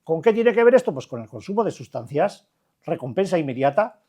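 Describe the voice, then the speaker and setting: Older man, Basque Spanish accent, recovery-group speaker, blunt and colloquial, a bit high-pitched. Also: big pitch swings, a little fast, mellow, slightly rough. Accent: Spanish, Basque Country. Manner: colloquial and blunt, many restarts and rhetorical questions. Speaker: addiction recovery counselor. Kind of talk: informal talk to a recovery group.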